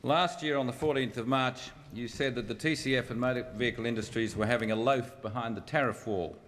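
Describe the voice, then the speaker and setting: A man's voice: mid-range voice, fairly quick, a bit bright, slight background noise. An Australian man, a member of parliament, putting a formal, pointed question. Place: large parliamentary chamber. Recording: reverberant parliament chamber.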